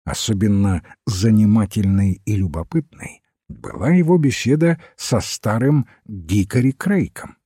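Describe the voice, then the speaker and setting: A man narrating an audiobook in a measured, expressive reading style. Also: fairly low pitch, breathy edge, no echo, studio quality. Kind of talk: scripted narration.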